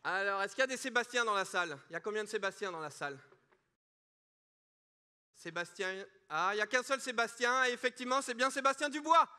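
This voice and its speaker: High, bright-voiced man, game show host. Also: animated, brisk, smooth. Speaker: host of a prize draw on stage. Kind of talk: live stage hosting. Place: large conference hall stage, indoors.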